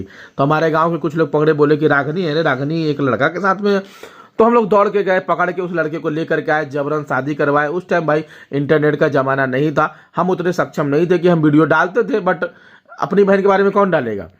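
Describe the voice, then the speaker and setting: A young man talks to the camera and tells a long family story. His voice sits a little high, and the recording is dull and lo-fi. He keeps checking in with his viewers as he goes. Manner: storytelling, addresses viewers directly with frequent "ठीक है?". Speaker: vlogger. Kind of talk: casual talk to camera.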